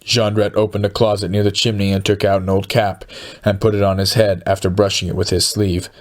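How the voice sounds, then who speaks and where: A man narrating an audiobook in a steady, measured reading. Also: on the low side.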